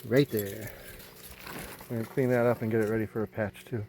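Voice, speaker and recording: A man with a mellow, warm voice talks through a boat repair outdoors on a houseboat. He keeps it easygoing, explaining each step as he works with his hands, in a casual vlog style. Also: on the low side, level tone, a little fast, a little hiss or hum. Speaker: vlogger.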